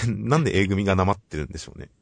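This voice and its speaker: A man with a low, steady voice talks through manga chapters in a measured, polite way. The sound is dry and close, with no room around it. He sounds like a regular co-host in casual chat. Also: gravelly, breathy edge, no room sound. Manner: measured, polite, summarizing plot. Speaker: podcast co-host reviewing manga.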